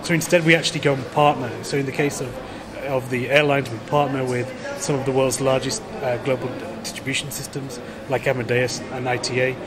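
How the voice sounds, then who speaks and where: A man in his thirties, a company executive giving a conference interview in a measured, polished way, often restarting words. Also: medium pitch, flat delivery, a crowd in the background. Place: large indoor conference hall. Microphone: handheld camera close to the face.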